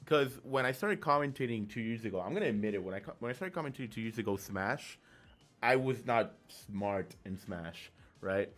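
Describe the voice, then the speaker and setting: A man's voice: on the low side, expressive, fairly quick, fairly bright tone. A man giving casual live commentary on a fighting game tournament, in a chatty, rambling way that trails off and restarts. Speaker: esports commentator and tournament organizer.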